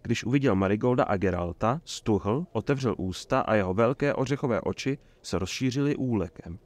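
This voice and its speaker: A man reading an audiobook in a steady storytelling way. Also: lowish voice. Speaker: audiobook narrator. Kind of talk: scripted narration.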